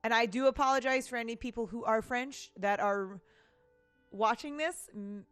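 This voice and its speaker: A woman's voice: a little high, normal speed, fairly bright tone. A woman hosting a casual let's play, chatting in a self-deprecating, apologetic way into a close microphone. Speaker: gaming video host. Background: faint game music.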